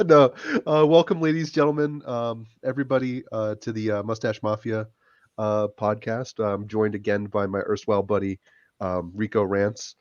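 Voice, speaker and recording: Podcast host, male, hoarse and low, halting delivery full of fillers, dull dry lo-fi sound. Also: little pitch movement, a little mellow, no echo. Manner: halting, many filler words. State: hoarse from illness. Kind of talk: casual live-stream chat.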